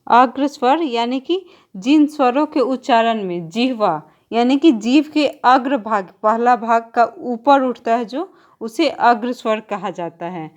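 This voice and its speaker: Slow, deliberate woman teacher. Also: fairly high pitch. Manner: slow, deliberate explaining, drawing out example sounds; writes on a board while teaching. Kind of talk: exam-prep grammar lesson.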